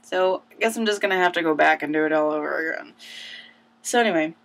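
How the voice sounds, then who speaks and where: A woman's voice: deep voice, quick pace, creaky. A young woman telling a story in a casual vlog, bubbly and gushing, saying "like" often. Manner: bubbly, gushing, says "like" a lot. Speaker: vlogger. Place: at home, indoors.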